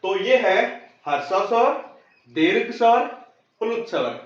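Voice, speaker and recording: A man's voice: high voice, expressive, unhurried. A man teaching grammar in a lecture, explaining step by step and answering his own questions. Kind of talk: classroom-style lecture. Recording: very echoey room, dull sound.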